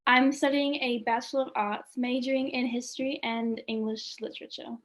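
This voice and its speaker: Brief: young student artist, woman, higher voice, casual and chatty, laughs easily. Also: steady tone, moderate pace. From Australia. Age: young adult. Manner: chatty, many "like"s, laughs often. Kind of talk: casual interview chat.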